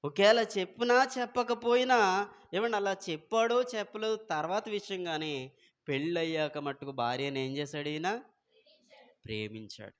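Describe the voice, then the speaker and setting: Animated pastor preaching, loud and soft. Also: male voice, high voice, moderate pace, clean tone. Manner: animated preaching that quizzes the congregation; swings between loud exclamations and soft asides. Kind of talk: Sunday sermon preaching.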